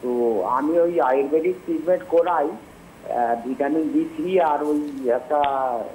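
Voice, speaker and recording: A man calling in to a TV show, speaking hesitantly and pausing often. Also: fairly high pitch, mellow, a little hiss or hum, poor audio. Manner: hesitant, many fillers and restarts. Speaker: caller. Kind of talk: phone-in call. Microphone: telephone line.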